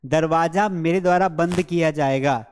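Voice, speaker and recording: A man teaching English grammar in a live online class, repeating example sentences slowly and checking that students follow; his first language is Hindi. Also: a little high, a little mellow, in a large hall, a little hiss or hum. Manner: slow, drilled repetition of example sentences; coaxing, checks understanding with repeated questions. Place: studio with a board and screens.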